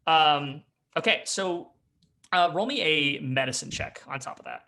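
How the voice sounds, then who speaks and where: A man's voice: fairly high pitch, animated, unhurried, vocal fry, bright, forceful tone. A man running a tabletop game as game master, narrating with many fillers and restarts. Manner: hesitant, full of fillers, descriptive.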